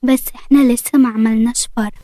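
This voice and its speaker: A woman's voice: fairly high pitch, fairly even intonation, quick pace, dark tone, dry recording, close to an everyday voice, rough recording. A woman reading an eager young Egyptian groom. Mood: tender. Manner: pleading, affectionate.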